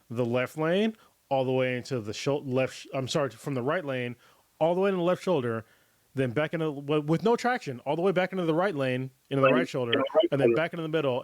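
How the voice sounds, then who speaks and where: A man's voice: mid-range voice, quick pace, no room sound. Laid-back man chatting on a podcast. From California. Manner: rambling, laughs often. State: getting over being a little sick. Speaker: podcast host. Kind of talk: casual chat.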